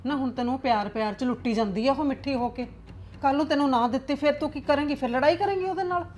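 A woman's voice: sits high, fast talker, darkish tone, slight background noise, lightly acted. A woman acting as a scheming, nagging middle-aged mother-in-law who lectures and scolds in a family drama. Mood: lecturing.

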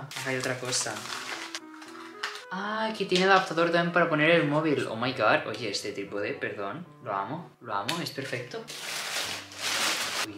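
Young man, casual vlog chat, gushing, excitable, echoey room, music behind. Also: medium pitch. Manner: gushing and excitable, mixing in English words. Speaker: vlogger.

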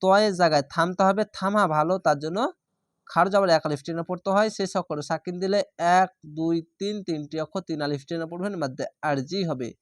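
A man's voice: fairly high pitch, quick pace, no echo, studio quality. Patient man spelling out recitation. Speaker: Quran reading teacher.

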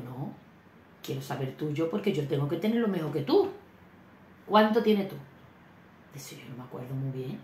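A middle-aged woman, chattily telling a personal anecdote in a casual vlog, animated and full of exclamations. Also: deep voice, a little hiss or hum. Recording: echoey room with faint ambience.

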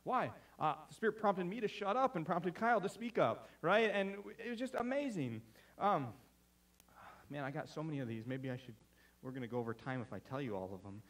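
Chatty pastor, slightly high voice. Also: male voice, expressive, fairly quick, fairly bright tone, recorded from a distance. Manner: chatty, self-deprecating, stumbles and restarts often. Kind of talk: sermon. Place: church sanctuary.

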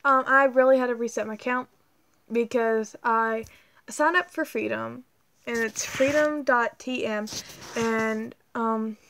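A woman's voice: fairly high pitch, unhurried. Chatty girl rambling on camera. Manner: rambling, excitable, many ums and likes. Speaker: vlogger. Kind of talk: casual chat to camera. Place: indoors at home, dim room. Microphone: tablet camera held close.

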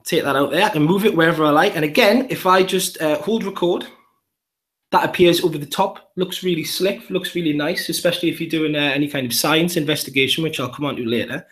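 Upbeat Geordie teacher, higher voice. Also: male voice, brisk, fairly bright tone. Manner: upbeat, step-by-step walkthrough. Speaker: primary school teacher. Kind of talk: live app demonstration.

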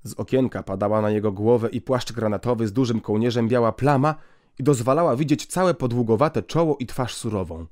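A man narrating an audiobook in a steady, clear storytelling voice. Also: medium pitch, fairly quick, dry recording, clean studio sound.

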